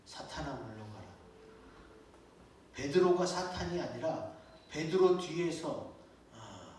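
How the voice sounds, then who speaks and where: A male pastor delivers a sermon in a fairly high voice, talking to his congregation like a conversation and posing questions to them. The sound is very echoey, caught from some distance in a church sanctuary, with faint background noise. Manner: conversational preaching with rhetorical questions.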